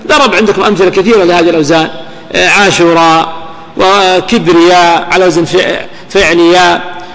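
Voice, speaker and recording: A male grammar teacher giving a classroom lesson, quizzing his class and repeating key words slowly. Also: high voice, steady tone, a bit bright. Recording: reverberant hall with long echo.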